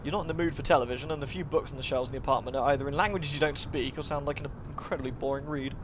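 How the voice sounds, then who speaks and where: Talking very fast at a medium pitch with fairly even intonation, this live streamer reads a visual novel's narration aloud dramatically over a noisy background. Between lines he breaks into playful, chatty asides for his viewers.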